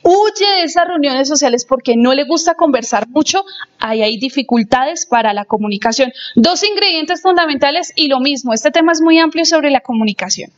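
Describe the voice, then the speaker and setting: A high-voiced woman lectures a live audience on family communication. She keeps turning to the crowd with direct questions and acts out short stories. The recording sounds dull and lo-fi. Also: lively intonation, fairly quick.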